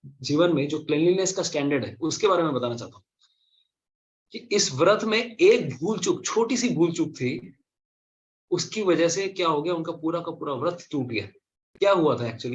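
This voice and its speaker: Animated male scripture storyteller. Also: on the high side, moderate pace. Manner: animated, asks and answers his own questions. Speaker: speaker at a scripture class. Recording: slightly dull lo-fi recording.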